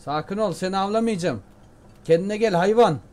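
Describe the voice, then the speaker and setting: A young man giving chatty, jokey commentary while playing a game, often shouting at it. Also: sits high, a little fast. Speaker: gameplay commentator. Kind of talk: casual let's-play commentary.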